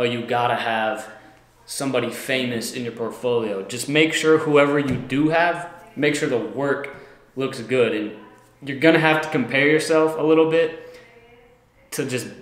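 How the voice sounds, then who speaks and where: A man's voice: mid-range voice, a bit bright, roomy sound. A man in his twenties from Montana, answering interview questions casually with many fillers and restarts. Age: 20s. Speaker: guest. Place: lounge room indoors.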